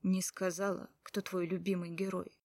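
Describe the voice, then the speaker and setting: A woman's voice: fairly low pitch, flat delivery, moderate pace, mellow, no echo, clean studio sound. A woman reading the lines of a dying young male elf who speaks faintly and struggles for breath. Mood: weak, breathless.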